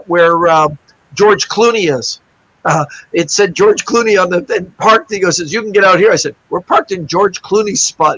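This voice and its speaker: High-voiced man telling lively anecdotes. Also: rough recording. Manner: animated anecdote-teller, acts out quoted voices. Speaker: guest magician. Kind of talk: casual storytelling in an interview.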